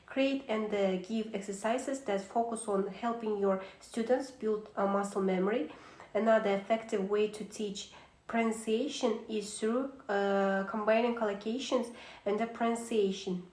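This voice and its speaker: A woman reading a prepared talk on teaching, steady with a few filler pauses. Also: medium pitch, reverberant, low-quality recording.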